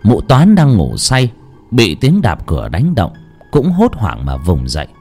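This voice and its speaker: A man's voice: unhurried, husky, faint music behind. A man narrating a horror story in a dramatic storytelling style. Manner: expressive, sweeping pitch.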